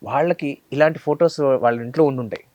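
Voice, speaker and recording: A man's voice: mid-range voice, quick pace, no echo. A man in his thirties, an actor as an interview guest, telling stories animatedly and mixing English phrases into his talk. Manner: animated, acts out quoted lines. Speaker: actor guest recalling childhood films. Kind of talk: casual interview storytelling.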